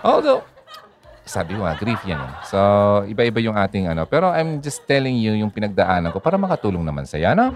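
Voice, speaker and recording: Chatty low-voiced man talking on radio. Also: wildly swooping pitch, fairly quick, background noise. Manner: chatty, code-switching, many fillers and "ha?" tags. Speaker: radio host. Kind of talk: casual radio talk on grief and faith.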